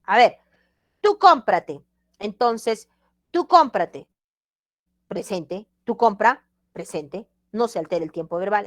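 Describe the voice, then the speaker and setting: A woman's voice: medium pitch, dry recording, clean studio sound. A woman teacher giving a grammar lesson, emphatic and repeating examples with checks like "ready?". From Peru.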